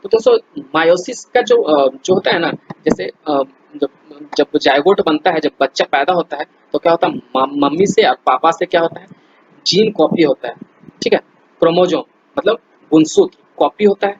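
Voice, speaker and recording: A man's voice: fairly high pitch, lively intonation, normal speed, lo-fi sound, slight background noise. A man teaching a general science quiz lesson in a chatty, informal way, with many fillers and restarts and calling his viewers friends. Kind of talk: casual explainer lesson.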